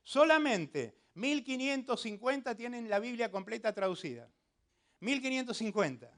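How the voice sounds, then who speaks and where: A man's voice: very high-pitched, sing-song, moderate pace, fairly bright tone. A man preaching a sermon as pastor, exhorting the congregation and putting questions straight to them. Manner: preaches with rising emphatic exhortation; addresses listeners directly with questions.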